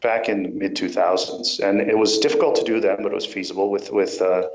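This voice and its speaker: Low-voiced man on an echoey call. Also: steady tone, brisk. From California. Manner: hesitant with many ums and restarts. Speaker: guest. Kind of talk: remote interview over a call. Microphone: call microphone. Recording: echoey, dull call audio.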